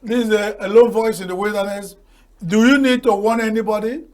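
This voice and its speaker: A high, steady, slightly dark male voice moves a little quickly as an older Igbo-speaking Nigerian man gives folksy talk show commentary on TV. Proverbs fill his speech, and he laughs at his own jokes.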